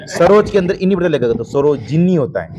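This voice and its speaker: A man's voice: high-pitched, animated, fast talker. A man teaching a grammar lesson, explaining patiently and often checking with his students whether they follow. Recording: noisy recording.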